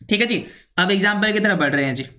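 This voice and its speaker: A woman teaches an English grammar lesson at a steady, patient pace. She keeps repeating herself and tags her sentences with small check-in fillers as she walks through examples. Her voice sits at an ordinary middle pitch. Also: fast talker. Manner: repetitive, with constant "theek hai" and "ji" fillers. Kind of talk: explanatory lesson.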